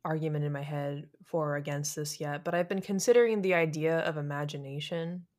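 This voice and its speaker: A woman's voice: deep voice, a little fast, a little mellow. A woman hosting a casual podcast conversation, talking thoughtfully and searching for her words. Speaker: podcast host.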